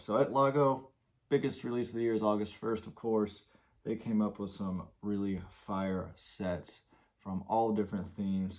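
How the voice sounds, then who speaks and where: A man's voice: on the low side, a little mellow. A man giving casual, enthusiastic unboxing commentary as a toy collector, rambling a little with fillers and sounding slightly out of breath. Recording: clear background noise.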